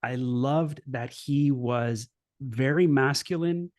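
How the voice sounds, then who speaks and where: In a slow, slightly mellow, medium-pitched voice, this interview guest tells his life story. He's a middle-aged coach and former professor from Los Angeles, earnest and reflective, with frequent restarts and "you know," captured in a dry, studio-quality recording.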